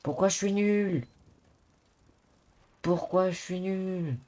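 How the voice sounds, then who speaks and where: A man's voice: sits high, slow pace, dark tone, voice pushed up. A man playing a mild, worried, clumsy Englishman in an online role-play, hesitating in simple, slightly broken French with an English accent. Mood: plaintive, chatty.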